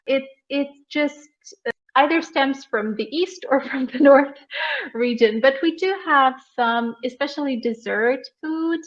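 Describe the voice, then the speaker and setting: A woman with a Serbian accent, an online English conversation tutor, chats casually in a fairly high voice and a little slowly. She's on an online video call, and the audio is muffled and lo-fi.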